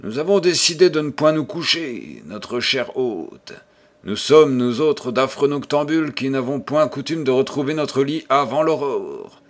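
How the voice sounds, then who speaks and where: A man's voice: mid-range voice, lively intonation, unhurried. Storybook role: carefree young card player, teasing, man reading. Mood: breezy. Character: flippant young man, keen gambler.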